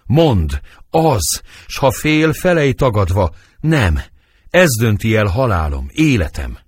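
A desperate young girl pours out grief and fury in dramatic verse, voiced by a man in his own low register. The voice is husky and swings widely in pitch. The sound is dry and close. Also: very animated, no echo. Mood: anguished. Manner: impassioned verse reading. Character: young girl Juliet, passionate and anguished.

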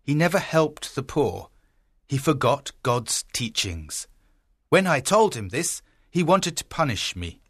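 A man voicing a big, fat, jolly friar who is blunt and teasing, with a bold, booming delivery in a storybook reading. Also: sing-song, a little slow, fairly bright tone, breathy edge, exaggerated voice. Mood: earnest.

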